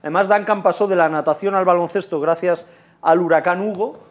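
A male sports journalist rattles off his points quickly with a dry, wry edge. His voice sits somewhat high for a man. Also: steady tone. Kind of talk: casual studio chat.

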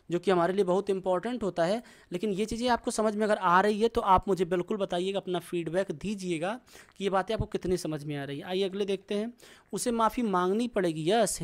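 A man teaching a slide lesson, slowly repeating example sentences and often checking that the class follows. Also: high voice. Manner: asks the audience frequent check questions. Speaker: spoken English teacher. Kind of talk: slide-based language lesson.

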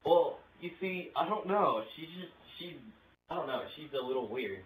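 His voice sits on the high side, expressive and a bit bright, at a moderate pace, as this young prank-call video maker rambles crudely and haltingly on a casual call. There's background noise, and the mic sounds distant and roomy.

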